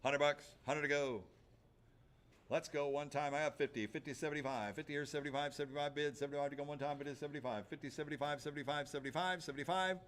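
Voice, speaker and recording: A man's voice: a little high, steady tone, quick pace, a bit bright. A man working as an auctioneer, chanting bids in a rhythmic, repetitive patter of numbers and stock phrases.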